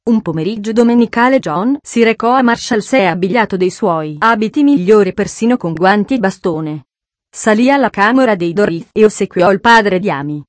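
A woman reading a classic novel aloud as narrator, in a measured, steady storytelling manner. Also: mid-range voice, no echo.

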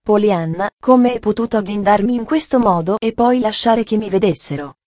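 A stern, proper middle-aged aunt speaks in clipped, indignant phrases, put on by a woman reading a storybook. Her tone is mellow and dark, recorded close and dry. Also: mid-range voice, normal speed, no room sound, muffled recording, lightly acted. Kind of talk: audiobook reading.

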